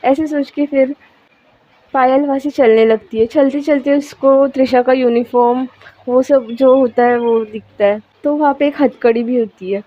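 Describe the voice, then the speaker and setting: A woman's voice: sits high, steady tone, moderate pace. A woman narrating a romance story in a casual, chatty way, acting out the characters' lines. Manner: retells scenes in a chatty way, acting out quoted lines. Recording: dull lo-fi recording.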